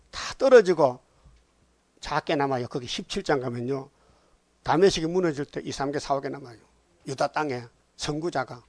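A man's voice: on the high side, no echo. A man pastor preaching a sermon, reading scripture aloud and pressing his points with rhetorical questions. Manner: emphatic, rhetorical questions to the congregation.

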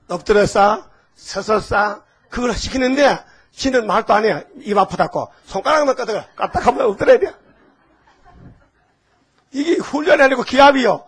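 A man's voice: very high voice, husky. An older pastor, preaching in a folksy storytelling way, quizzing his congregation and leading them in repeated readings. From Gyeongsang province, Korea. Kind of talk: sermon.

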